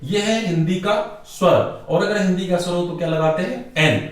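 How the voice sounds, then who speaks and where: Echoey high-voiced male grammar teacher. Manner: keeps asking rhetorical questions and answering them himself; repeats key words slowly for emphasis. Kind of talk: classroom-style lecture. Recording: very echoey room, voice far from mic.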